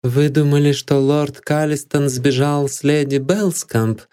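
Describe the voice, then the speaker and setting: A man's voice: on the high side, steady tone, unhurried, mellow, clean tone, voice pushed up, close to an everyday voice. A man voicing a proud, cool young woman who turns feverish under questioning, read as an audiobook figure. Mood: cold, scornful. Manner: cool and scornful, rising to feverish alarm.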